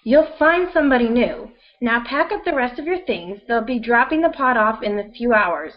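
A woman's voice: fairly high pitch, expressive, normal speed, highs cut off, close to an everyday voice. A woman playing a pushy middle-aged mother. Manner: pushy, patronizing. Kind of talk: audio drama acting.

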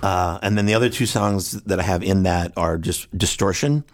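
A man's voice: sits low, moderate pace. A man who is a guest musician, explaining his pedal setup at length, rambling and technical, sometimes sounding out rhythms with syllables. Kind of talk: detailed gear explanation.

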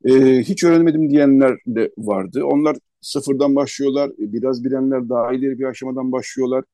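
Male radio host, mellow tone, dry close mic, slow and searching delivery. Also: medium pitch, dry recording. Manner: unhurried, hesitant, lists places one by one. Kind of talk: conversational radio interview.

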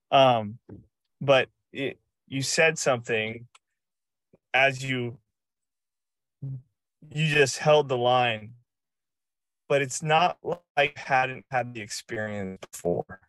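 Male podcast host on a video call, hyped and slangy, mid pitch, dry close sound. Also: fairly bright tone, no echo. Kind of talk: energetic casual chat.

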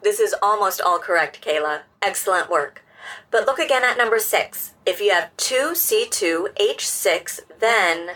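An actress voicing a helpful robot in an audio drama, speaking in a measured, precise way. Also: female voice, medium pitch, lively intonation, sharp tone. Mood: encouraging. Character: helpful female-voiced robot, calm and precise.

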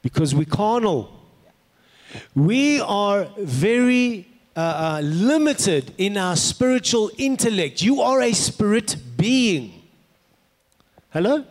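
High-voiced South African male preacher in a hall. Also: big pitch swings, takes it slowly. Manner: conversational, rhetorical questions to the listeners. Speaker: pastor preaching to a congregation. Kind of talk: sermon with personal anecdotes. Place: large indoor hall, preaching to an audience. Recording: echoey hall with long reverb.

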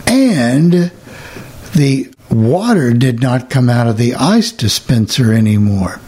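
A man's voice: mid-range voice, darkish tone, slightly rough. A man hosting a show with casual, rambling, folksy unscripted chat. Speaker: show host.

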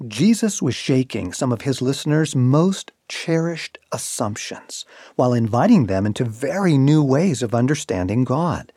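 Expressive man reading a devotional. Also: normal speed, slightly rough, no echo, clean studio sound. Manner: expressive, shifting pitch for emphasis. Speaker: devotional reader.

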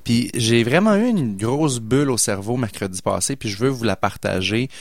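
Lively Québécois man telling a story. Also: mid-range voice, normal speed, no echo, clean studio sound. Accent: Québécois French. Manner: animated anecdote-teller, acts out dialogue, many fillers. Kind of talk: casual storytelling chat.

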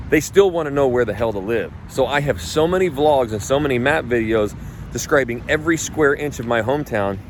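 Swearing freely, a North Idaho real estate coach chats in a blunt and emphatic manner. He speaks in a mid-range voice, and there's a slight hiss or hum in the audio.

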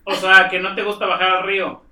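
A man's voice: high-pitched, monotone, brisk, sharp tone, recorded from a distance. A man from Mexico City with a Mexico City accent, hosting a casual group chat, joking and frank about sex. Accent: Mexico City Spanish. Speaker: podcast host. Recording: echoey room, a bit off-mic.

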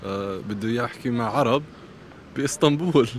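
A man who is not a native Arabic speaker, answering a street interviewer in halting, short replies. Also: medium pitch, a little hiss or hum. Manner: halting, few words.

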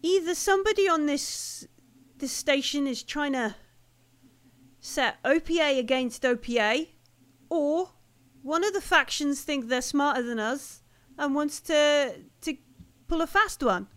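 Lady doing a shrewd faction rep lady, suspicious and measured, higher voice, tabletop game. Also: a bit bright. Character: female faction representative, wary and shrewd.

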